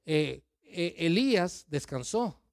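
A middle-aged man preaching a sermon, lively, firing questions at the congregation and acting out their excuses. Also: fairly high pitch, slow, dry recording, studio quality. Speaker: pastor.

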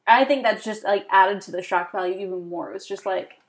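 A woman in a casual movie discussion, talking in a relaxed, conversational way with quick reactions. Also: medium pitch.

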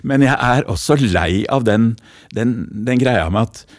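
A middle-aged man from Oslo with an East Oslo accent, a stage actor talking in an interview with thoughtful, halting restarts. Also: mid-range voice, dry recording, clean studio sound. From Oslo, Norway. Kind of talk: interview guest, then slam poetry.

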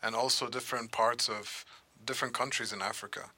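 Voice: mid-range voice, fairly even intonation, brisk, sharp tone, slightly rough. An interviewer asking questions and prompting a guest with short affirmations. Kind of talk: conversational interview.

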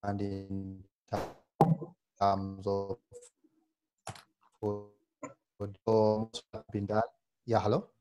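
A man speaking over a choppy online call that keeps breaking up, explaining in a halting way. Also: lowish voice, completely flat delivery, a little mellow, highs cut off, soft background music. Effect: choppy, breaking-up online call audio. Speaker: call participant. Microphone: video call. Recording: distant, cutting-out call line.

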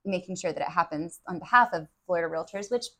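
Lady co-host, kinda low voice, chatty, lots of ums. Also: quick pace, fairly bright tone. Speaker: podcast co-host. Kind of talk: casual podcast chat.

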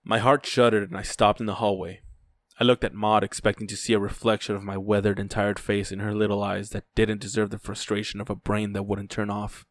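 A man's voice: lowish voice, flat delivery, a little fast, no echo. A man narrating a first-person story in a dry, weary telling.

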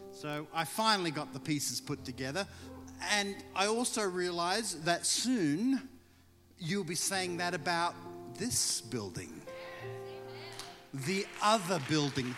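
A middle-aged man addresses a congregation as a visiting preacher. His voice is bright and a little high, carrying through a reverberant hall. He is informal and folksy, mixing praise exclamations with joking asides. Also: big pitch swings, slow pace, a faint crowd. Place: large indoor church, speaking from pulpit. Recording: reverberant hall, music behind.

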